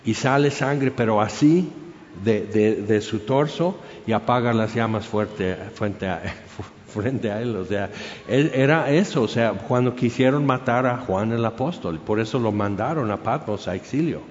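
A man preaching, telling a martyr's story in an animated way, with many fillers and acted-out crowd shouts. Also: lowish voice, a little slow, slight background noise. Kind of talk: sermon storytelling. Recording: dull sound in a reverberant hall.

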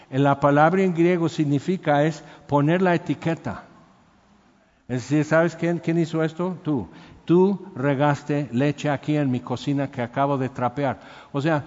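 Man, Mexican accent, sermon, humorous storytelling, slightly high voice, dull muffled recording. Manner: lively and joking, acting out everyday scenes. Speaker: preacher. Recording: dull audio with long hall reverb.

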